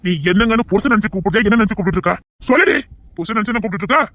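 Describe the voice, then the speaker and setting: Brief: man as hot-tempered husband, quick threatening delivery, audio drama. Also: sits high, fairly bright tone, dry recording. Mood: demanding. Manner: rapid, insistent, threatening outbursts. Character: angry, pleading young husband. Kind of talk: Tamil audio drama acting.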